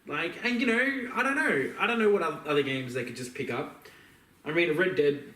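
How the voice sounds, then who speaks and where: On a podcast about video games and films, a male co-host chats casually, slangy, opinionated, and joking. His slightly high voice is brisk and sharp-toned, and the distant mic picks up a roomy echo.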